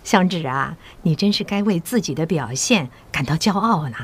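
In an audio drama, an actress gives a full character voice to a mature, patriotic school principal who is encouraging and persuasive with measured authority. Her deep female voice is expressive and slightly rough, and the mood is kindly and encouraging.

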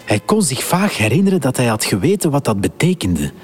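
A man narrating a children's story in a slow, expressive storybook reading with a husky voice. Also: mid-range voice.

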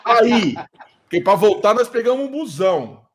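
A man's voice: high voice, moderate pace. A man from Brazil telling a story in casual chat, swearing freely and acting out the voices of the people in it. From Teresópolis, Brazil. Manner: animated, swearing, acts out voices in anecdotes.

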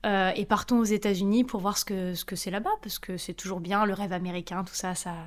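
A woman in her thirties speaks as a podcast guest, chatting in a lively way and pausing often with hesitations. Her voice is smooth and clear, pitched in a middle range for a woman. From France. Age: 30s. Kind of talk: casual interview storytelling.

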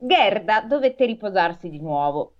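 A woman's voice: medium pitch, animated, moderate pace. A woman co-hosting, reading a fairy tale aloud and breaking off into jokes. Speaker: co-host and reader. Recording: dull lo-fi sound.

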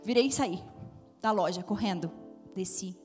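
A woman's voice: mid-range voice, normal speed, a little mellow, faint music behind. A middle-aged woman from Brazil, speaking as a guest at a women's church event, telling a personal story and acting out the dialogue. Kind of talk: storytelling sermon talk.

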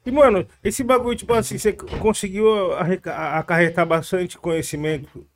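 Male interviewer, casual slangy chat, fast pace, slightly high pitch. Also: steady tone. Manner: informal, slangy questioning.

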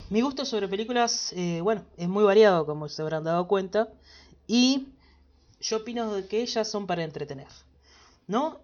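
A man's voice: high voice, expressive, moderate pace, dull audio. A man with a Uruguayan Spanish accent, hosting his own podcast in a casual, rambling solo monologue, often tagging his sentences with little questions. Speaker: podcast host.

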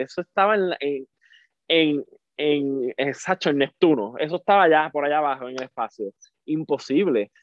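Puerto Rican man, animated storyteller. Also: a little high, no echo. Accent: Puerto Rican Spanish. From Puerto Rico. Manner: animated, repeats words for emphasis. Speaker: podcast guest. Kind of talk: casual personal storytelling. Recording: dry, phone-like narrow sound.

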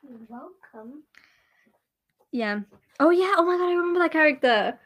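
A woman's voice: sits high, lively intonation, normal speed, a bit bright. A young British woman co-hosting a podcast, playful and teasing, laughing often. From Britain. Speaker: podcast co-host. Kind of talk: casual chat.

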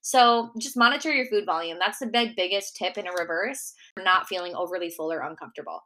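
Hosting a solo Q&A podcast, this young Minnesota-accented nutrition coach talks in a chatty way, saying "like" constantly. Her voice runs on the low side, brisk and sharp in tone.

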